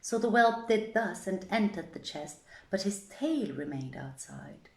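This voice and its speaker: Speaking a little slowly in an expressive, creaky mid-range voice, a woman narrates an old tale from a script. Her delivery is theatrical and formal, with archaic wording, and the recording sounds echoey and roomy.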